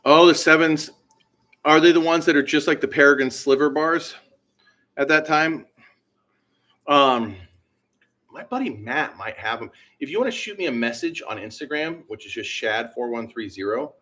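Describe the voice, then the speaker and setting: A relaxed man talks on a livestream from his bike shop workshop, easygoing and slangy. He rambles through fillers and half-finished thoughts as he answers viewers, his pitch sitting in an ordinary middle range. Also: moderate pace. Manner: laid-back, rambling, slangy with many fillers. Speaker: BMX shop owner hosting a livestream.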